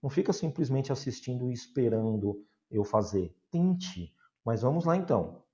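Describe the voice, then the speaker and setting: A man with a Brazilian Portuguese accent teaching an online English lesson, speaking slowly and deliberately and repeating words for pronunciation. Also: medium pitch, animated, mellow, highs cut off.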